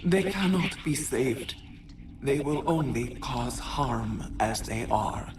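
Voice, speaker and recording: A woman voicing an ancient, mournful insect hive queen in a video game, speaking in halting, cryptic, solemn phrases through a host. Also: very deep voice. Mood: mournful, eerie. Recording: distant voice with clear noise.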